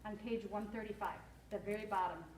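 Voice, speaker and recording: A woman's voice: mid-range voice, steady tone, a little fast, darkish tone, a little hiss or hum. A woman teacher leading a class reading lesson, explaining words and quizzing her students. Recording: roomy classroom from far off.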